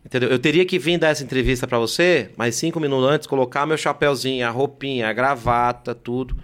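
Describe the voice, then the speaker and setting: A man's voice: medium pitch, fast talker, fairly bright tone. A man, a stand-up comedian, chatting as a guest in a casual interview, telling stories and acting out his own thoughts.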